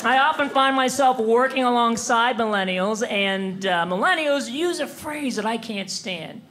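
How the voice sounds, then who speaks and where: A man in his fifties performing stand-up comedy on a theater stage, animated and slipping into voices of other people. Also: extremely high pitch, a little slow, a little hiss or hum. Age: 50s. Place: theater stage before a live audience. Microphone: handheld mic.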